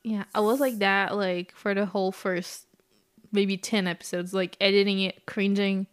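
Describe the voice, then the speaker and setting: A woman with a soft, soothing voice, hosting a podcast in casual chat and laughing often. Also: medium pitch, level tone, moderate pace, clear, resonant tone. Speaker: podcast host.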